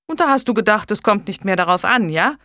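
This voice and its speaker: A woman reading an audiobook voices a gruff, grieving older man who scolds with sarcasm. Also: mid-range voice, brisk, dry recording, studio quality, close to an everyday voice. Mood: sarcastic.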